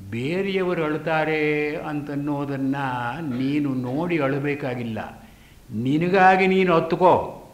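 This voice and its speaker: A man lecturing on an old epic, chanting Sanskrit verses and then explaining them in a slow, deliberate way. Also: fairly high pitch, reverberant.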